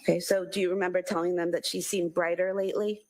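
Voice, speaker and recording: A woman prosecutor with a lowish voice cross-examines a witness in a courtroom. She presses pointedly, asking again and again for confirmation. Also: flat delivery, quick pace, slight background noise.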